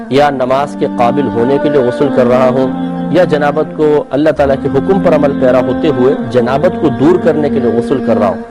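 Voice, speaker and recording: Male religious teacher hosting a call-in show, mid-pitched, measured, over loud background music. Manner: measured explanatory teaching with fillers. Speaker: mufti hosting a call-in program.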